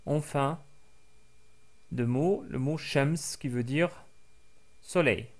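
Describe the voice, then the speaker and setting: An Arabic teacher with a mid-range voice gives a language lesson for French speakers. He repeats each word slowly so learners can practice, hesitating often.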